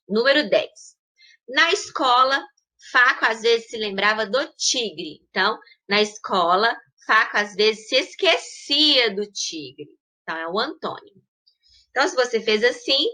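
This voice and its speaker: Slow, bright Brazilian woman teacher. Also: a little high. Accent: Brazilian Portuguese. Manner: slow, patient, stresses words and checks in with "ok?". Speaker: primary school teacher. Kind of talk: recorded online lesson.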